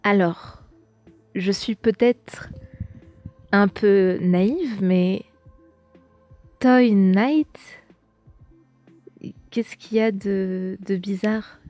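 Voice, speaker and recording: A woman's voice: mid-range voice, steady tone, very slow, a little mellow, no room sound, faint music behind. Chatty young woman, dry sound. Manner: chatty, lots of fillers and restarts. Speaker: podcast host. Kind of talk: casual chat reading viewer comments.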